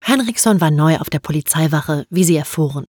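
A woman narrating an audiobook in a calm, even storytelling manner. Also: low-pitched, fairly quick, slightly rough, no echo, clean studio sound.

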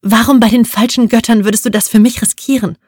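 A woman's voice: a little high, steady tone, fast, darkish tone, no room sound, studio quality, pitched above the performer's own voice, close to an everyday voice. A woman doing a frightened, disbelieving young woman. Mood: anxious. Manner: urgent, disbelieving questions.

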